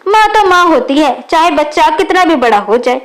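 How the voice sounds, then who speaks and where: A woman reading the lines of a young married woman who is quick to anger and later sorry, in a storybook reading. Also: high-pitched, sing-song. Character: young married woman, hot-tempered then remorseful.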